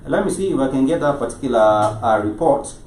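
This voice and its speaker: A man with a Kenyan accent hosting a live show, speaking in a halting way and often rephrasing himself. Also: medium pitch, lively intonation, a little mellow. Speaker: show host. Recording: echoey, noisy room, distant mic.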